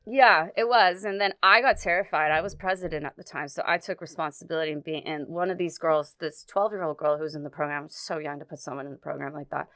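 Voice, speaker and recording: A young woman, a podcast guest, telling a story in a halting, earnest way full of restarts. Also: sits low, fairly bright tone, no room sound. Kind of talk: casual storytelling.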